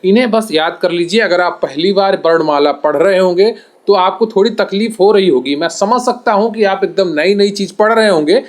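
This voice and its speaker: High-voiced man teaching a lesson. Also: moderate pace. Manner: repeats definitions, asks and answers his own questions. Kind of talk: exam-prep grammar lesson.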